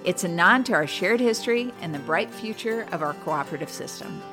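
Lady narrating her podcast, measured and upbeat, kinda low voice, soft guitar under it. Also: animated. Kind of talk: scripted narration. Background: soft guitar music.

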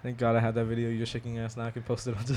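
A man's voice: medium pitch, monotone, rapid-fire, a little mellow, slight background noise. A young man co-hosting a podcast with casual, slangy, joking banter. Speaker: podcast co-host.

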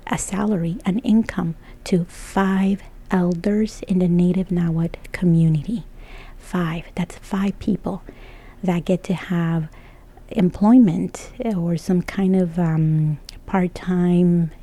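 Podcast host: woman, slow, breathy near-whisper, mellow low tone. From El Salvador. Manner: soft, often breathy half-whispered delivery; earnest and thankful. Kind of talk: solo podcast monologue.

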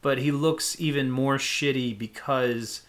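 A man's voice: medium pitch, fairly even intonation, a little slow, fairly bright tone. A man co-hosting a podcast, chatting casually about movies with lots of fillers and laughs. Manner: rambling, laughing, frequent fillers. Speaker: podcast co-host.

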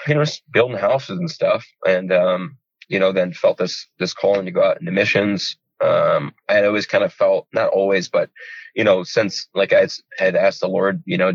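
A man in his forties, from rural Georgia, talks with a low voice and a loose, enthusiastic ramble, full of "you know" and "man". He's a pastor chatting casually. The sound is dry and a little dull, like a lo-fi recording. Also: vocal fry, husky, no echo. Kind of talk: casual conversation.

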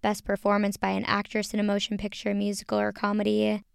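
A woman's voice: medium pitch, monotone, fast talker, gravelly, clean tone, dry recording, clean studio sound. A young woman hosting a casual solo podcast, chatting directly to her listeners, recorded in a small closet at home. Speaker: podcast host.

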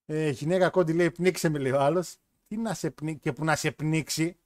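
A man with a slightly high voice hosts a loose, chatty show. He jokes crudely and slips into other people's voices to act out his stories. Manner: animated, crude joking, mimics voices. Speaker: podcast host. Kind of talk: casual chat with live chat.

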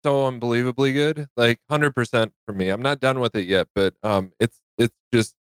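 A man's voice: medium pitch, fairly even intonation, normal speed, smooth, no room sound, studio quality. A man co-hosting a casual podcast chat, talking hesitantly with many fillers.

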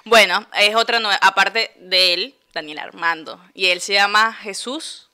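Bright-voiced Venezuelan woman chatting. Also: medium pitch, a little slow, clean tone. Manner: chatty, laughs while telling stories. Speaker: podcast co-host. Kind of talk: casual chat.

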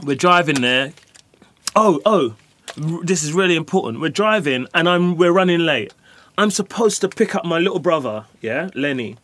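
A middle-aged man, a guest telling his story in a lively, casual way and often asking "you know what I mean". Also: fairly high pitch, moderate pace.

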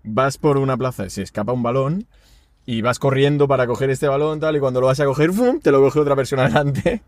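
A man's voice: mid-range voice, a little fast, dry recording. A young man chatting casually as a podcast co-host, joking and swearing as he tells stories. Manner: joking, swearing, animated storyteller. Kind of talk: casual chat.

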